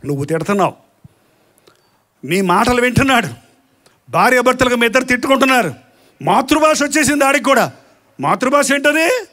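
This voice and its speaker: A man pastor preaching a lively sermon, full of rhetorical questions and acted-out quarrels. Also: very high-pitched, a little fast, pauses often. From India.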